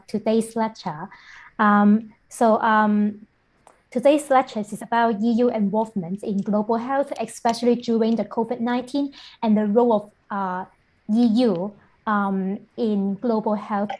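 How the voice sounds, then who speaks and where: A middle-aged woman from Hong Kong gives an online lecture over a video call. Her voice sits somewhat high, and she speaks in a measured way, with frequent fillers between phrases. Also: darkish tone. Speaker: guest lecturer.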